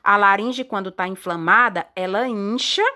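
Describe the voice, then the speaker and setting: A woman with a mid-range, sharp-toned voice teaches a science lesson in a recorded online class. She explains slowly, step by step, with hesitations and frequent checking tags to her students.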